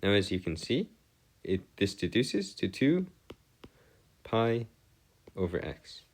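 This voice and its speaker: A man tutoring math gives a semi-improvised explanatory lesson in a fairly low voice, speaking slowly with big pitch swings. His phrasing is formal and wordy, and he hesitates and corrects himself as he goes.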